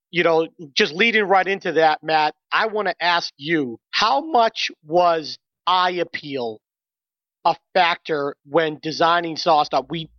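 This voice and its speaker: An excitable man with a Boston accent chats on a podcast, stumbling over restarts. His voice sits a bit high. The recording is dry and slightly dull. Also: no echo. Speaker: podcast co-host. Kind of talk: casual podcast chat.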